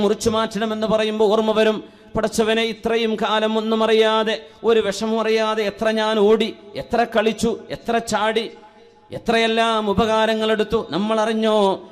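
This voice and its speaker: A man preaching a sermon who chants Arabic verses slowly in a sung recitation and drops to quiet questions for the audience. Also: high voice, monotone, smooth. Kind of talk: Islamic sermon.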